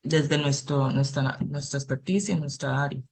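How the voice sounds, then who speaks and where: A woman's voice: low-pitched, moderate pace, gravelly, a little mellow, slightly rough. A woman answering audience questions in an academic online talk, friendly and polite. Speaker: presenter on the creole translation.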